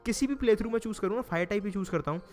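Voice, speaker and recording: A man's voice: high-pitched, racing, a little mellow. Chatty young Indian man, game commentary. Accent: Hindi, Indian. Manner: chatty, dramatic groans and pleading with the game. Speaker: gaming YouTuber. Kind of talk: casual Let's Play commentary. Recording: faint music behind.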